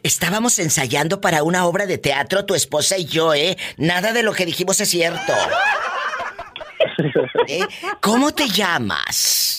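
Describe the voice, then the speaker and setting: A woman's voice: fairly low pitch, expressive, measured pace, a bit bright, a little hiss or hum. A woman hosting a call-in radio show, playful and dramatic, full of catchphrases. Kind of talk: lively call-in radio chat.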